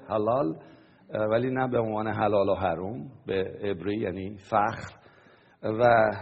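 A man's voice: fairly low pitch, gravelly, a little mellow, husky, highs cut off. A man preaching a sermon to a congregation, teaching and often asking them questions. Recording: long hall reverb.

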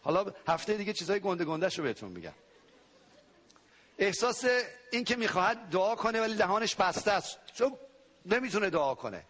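Male pastor, born in Iran, higher register, animated pulpit delivery with loud outbursts. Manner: animated preaching, sound effects and sudden loud cries. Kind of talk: sermon.

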